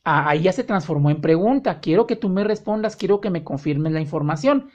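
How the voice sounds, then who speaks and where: A woman teaching an online language lesson, speaking directly to the learner and drawing out her example sentences slowly. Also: fairly low pitch, lively intonation, darkish tone, highs cut off. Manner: slow, drawn-out example sentences, friendly direct address. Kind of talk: online lesson explaining grammar.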